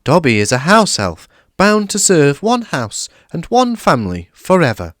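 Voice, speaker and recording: A man voicing a small, servile and tearful male house elf who talks about himself by name in a high, excitable way. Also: measured pace, no echo, studio quality, full character voice. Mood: earnest.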